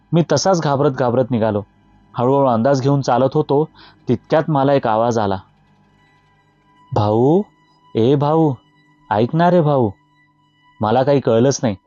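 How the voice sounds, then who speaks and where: A man tells a horror story in a steady, measured narration. His voice is mellow and dark, recorded dry and a little dull. Faint music plays underneath. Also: mid-range voice, no room sound.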